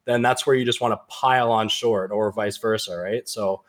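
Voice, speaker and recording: A man co-hosting a casual trading podcast, rambling and acting out quoted people in a raised voice. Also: fairly even intonation. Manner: fast, rambling, acts out quoted people in a higher voice. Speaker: podcast co-host.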